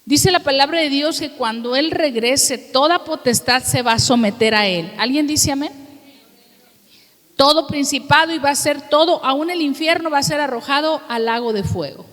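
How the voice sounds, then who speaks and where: A woman pastor preaching a sermon to a congregation, asking them questions and reading scripture slowly and emphatically. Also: high-pitched, fairly bright tone. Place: church hall with congregation. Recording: long reverb of a hall.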